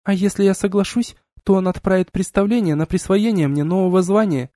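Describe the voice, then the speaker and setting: Guy doing a shrill angry young woman from a space audiobook, way up high, dry sound. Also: brisk, mellow, no echo, lightly acted. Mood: pleading. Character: young woman, indignant, sharp-tongued ship's radio operator. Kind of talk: audiobook character reading.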